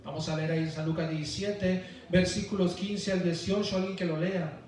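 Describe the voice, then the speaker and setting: A man's voice: high voice, steady tone, fairly quick, a little mellow. A man preaching a Sunday school sermon, emphatic and calling the congregation for amens. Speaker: pastor. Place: church hall. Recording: echoey church hall, mic far off.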